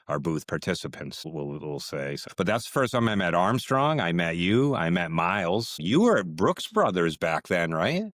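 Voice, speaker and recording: A man with a very deep voice hosts a casual podcast conversation, rambling through stories and jumping into eager questions. The sound is close and dry, with no room echo at all. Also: normal speed, hardly any pauses. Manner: rambling, storytelling, excited questions. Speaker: podcast host. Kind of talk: casual interview chat.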